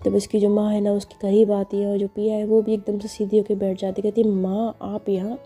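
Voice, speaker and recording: A woman's voice: mid-range voice, completely flat delivery, fast, mellow, soft background music. A woman narrating a story in a chatty, conversational way, with casual asides.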